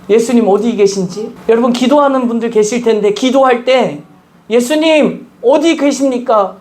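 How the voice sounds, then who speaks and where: A woman's voice: fairly high pitch, darkish tone. A woman pastor giving a sermon at a church service, earnestly telling stories and asking the congregation questions. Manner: addresses the congregation with repeated questions; earnest, emphatic storytelling. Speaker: guest pastor.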